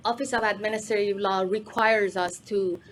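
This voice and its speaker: A woman answering questions at a public meeting, halting and full of fillers and restarts. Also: mid-range voice, fairly even intonation, a bit bright, slight background noise, poor audio. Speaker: agency staff answering questions.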